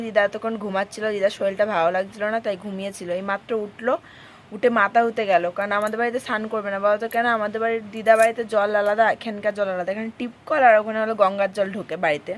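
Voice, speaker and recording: A woman's voice: medium pitch, slight background noise. A woman, chatting to viewers in a casual home vlog. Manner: chatty, talks to viewers directly. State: hoarse. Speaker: vlogger.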